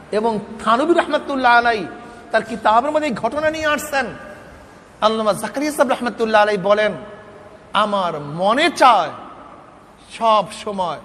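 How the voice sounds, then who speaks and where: High-voiced impassioned preacher in a hall. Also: male voice, a little hiss or hum. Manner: impassioned, rising to near-shouts, sing-song chanting. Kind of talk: emotional sermon storytelling. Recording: long hall reverb with faint ambience.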